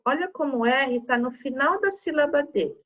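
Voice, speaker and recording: Brazilian woman teacher, slightly high voice, slow and patient, sounds out syllables for children; dull lo-fi recording. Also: a bit bright. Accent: Brazilian Portuguese. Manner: slow, patient, stretches out example words syllable by syllable. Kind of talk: recorded Portuguese spelling lesson for children.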